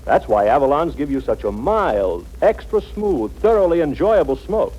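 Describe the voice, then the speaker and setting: Earnest, stammering dreamer on old radio. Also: male voice, a little high, very animated, normal speed, mellow, slightly rough, muffled recording. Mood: gushing admiration. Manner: hesitant, stammering, gushing. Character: earnest, gullible, dreamy young man, a comic sidekick. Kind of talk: 1930s radio comedy sponsor skit. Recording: noisy vintage 1930s radio broadcast.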